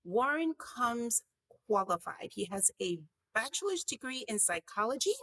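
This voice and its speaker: A woman's voice: mid-range voice, sharp tone, dry recording, rough recording. A woman from the US Virgin Islands, hosting a podcast in a conversational style. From US Virgin Islands (St. Croix). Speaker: podcast host.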